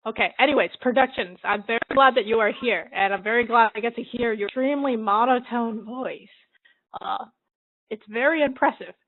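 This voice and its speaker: A woman's voice: on the high side, fairly quick, dry recording. Chatty woman streamer with a tinny sound. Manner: chatty, laughs often, talks while drawing. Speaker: livestream host drawing. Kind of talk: casual livestream chat. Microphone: computer mic she adjusts. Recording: narrow phone-like sound.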